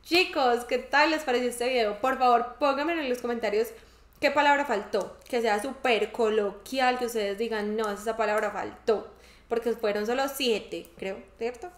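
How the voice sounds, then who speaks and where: A woman with a Colombian paisa accent reacting to a video, bubbly and enthusiastic, quick to laugh. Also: a little high. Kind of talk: casual reaction commentary. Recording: roomy echo.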